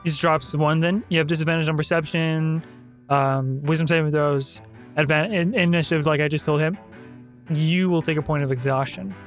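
High-voiced man running a tabletop game. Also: steady tone, fairly quick, faint music behind. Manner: bantering, mock-exasperated. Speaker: game master.

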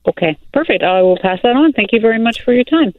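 A woman's voice: a little high, animated, fast talker, dry recording. Hesitant woman calling in to a radio show. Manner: hesitant, many fillers. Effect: phone line on air. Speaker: caller to a radio advice show. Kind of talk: casual phone call.

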